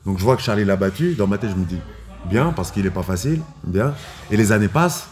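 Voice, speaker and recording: A man's voice: lowish voice, expressive, fast, darkish tone. A man chatting in an interview as a fighter and organiser, in short emphatic phrases with repeats and some English words. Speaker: MMA fighter and seminar organiser. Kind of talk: casual interview, anecdotes.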